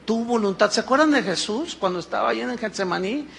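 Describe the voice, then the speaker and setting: A man, his voice high and bright, acting out quick dialogues and firing rhetorical questions. A faint noise sits behind him. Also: creaky. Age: 50s. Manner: animated preaching with acted-out dialogues and rhetorical questions. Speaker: pastor. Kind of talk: sermon.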